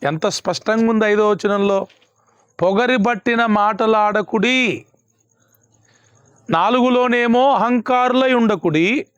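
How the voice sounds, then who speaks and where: Man, pastor, high voice, emphatic sermon, dull dry lo-fi recording. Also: normal speed, clean tone, dry recording. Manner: emphatic, repeats questions to the congregation.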